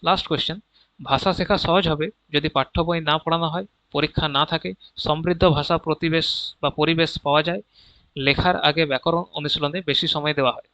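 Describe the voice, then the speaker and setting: Bengali-accented male exam tutor, bright and slightly high voice, explains answers step by step, dull dry recording. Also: dry recording. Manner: reads each question, then explains answers with frequent "ঠিক আছে?" check-ins; mixes English terms into Bengali. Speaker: exam prep teacher.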